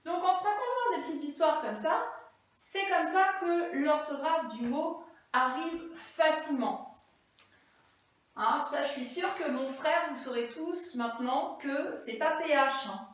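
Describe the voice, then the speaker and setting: A woman teaching young children remotely, playful and sing-song, telling little stories to explain spelling. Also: sits high. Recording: very echoey room, far from mic.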